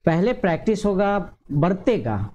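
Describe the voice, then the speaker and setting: A male teacher explaining a grammar lesson to teachers and parents, measured, with frequent drawn-out hesitations and slow repeated word pairs. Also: high-pitched, very animated, dark tone, muffled recording, a little hiss or hum.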